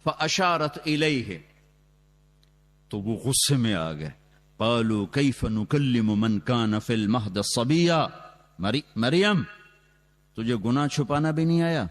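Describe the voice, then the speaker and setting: A man's voice: mid-range voice, expressive. Dramatic preacher man in a reverberant hall. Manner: dramatic storytelling with sudden loud rises and quick asides; chants Quranic Arabic slowly. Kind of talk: sermon. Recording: long reverb from a large hall, on a loudspeaker.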